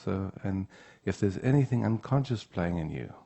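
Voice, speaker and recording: A man giving an unhurried spiritual teaching talk at a retreat. He often checks in with the room by asking "yeah?". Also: low voice, lively intonation, vocal fry, mellow.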